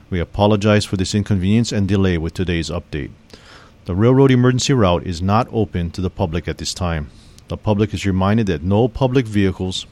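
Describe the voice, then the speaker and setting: A man reading a formal, scripted civil defense broadcast as an official announcer, in a grave, measured manner. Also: low voice, darkish tone.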